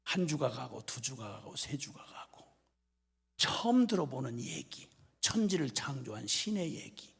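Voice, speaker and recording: A man's voice: medium pitch, unhurried, vocal fry, husky. A man, a missionary preacher, giving a revival sermon in a church, telling stories with humor and mimicry. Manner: animated storytelling with humor and mimicry. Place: church sanctuary. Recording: long reverb of a church hall.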